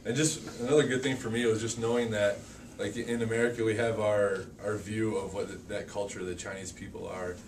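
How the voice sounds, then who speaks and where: A man's voice: fairly low pitch, fairly even intonation, far from the mic, slight background noise. A young man reflecting on a trip abroad in casual conversation, with frequent restarts. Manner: fast-talking, halting restarts.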